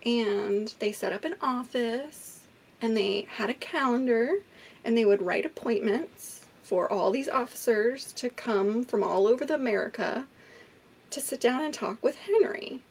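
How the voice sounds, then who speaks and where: A woman co-hosting a casual true crime podcast, telling the story in an animated way, swearing and laughing often. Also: on the high side, measured pace, husky.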